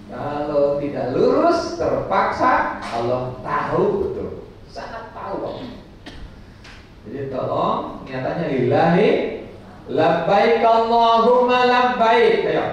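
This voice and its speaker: A man teaching a pilgrim group in a lively way, quizzing and joking with them and leading their chants. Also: a little high, slow. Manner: lively, quizzes and jokes with the audience. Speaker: umrah guidance teacher. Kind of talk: religious instruction to a pilgrim group. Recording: echoey distant dull recording with noise.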